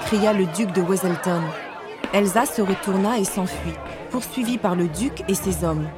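A woman narrating a storybook in a steady, expressive read-aloud style. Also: medium pitch, moderate pace, crowd noise. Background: music.

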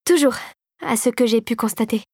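A woman narrating a storybook voices a bold young female inventor, brisk and insistent, pitching her voice up. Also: warm tone, breathy edge, no room sound, clean studio sound. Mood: steady.

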